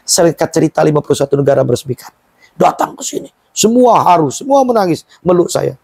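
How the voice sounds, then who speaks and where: A man's voice: on the high side, very animated, a little fast, creaky, darkish tone, slightly rough, no echo, clean studio sound. A middle-aged man founding a Quran museum and boarding school, telling his story in an emphatic, emotional way during an interview.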